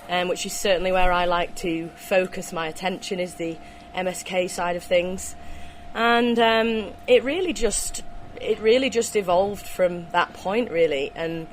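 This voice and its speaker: A woman giving conversational answers as an interview guest, speaking outdoors on a ski slope. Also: mid-range voice. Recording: noisy outdoor recording with ambient sound.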